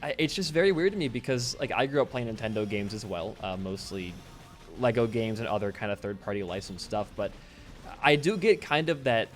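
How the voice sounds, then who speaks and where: A nineteen-year-old man co-hosting a podcast, chatty and quick to laugh, often trailing off quietly at the ends of sentences. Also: on the low side, expressive, faint music behind. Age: teens. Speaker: podcast co-host. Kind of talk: casual podcast chat.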